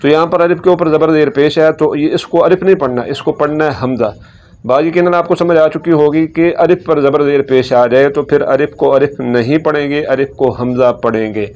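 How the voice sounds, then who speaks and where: Man, Quran reading teacher, patient repetition, slightly high voice, dull lo-fi sound. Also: a little mellow. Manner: patient, repeats sounds slowly and contrasts right and wrong. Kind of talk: slow step-by-step lesson.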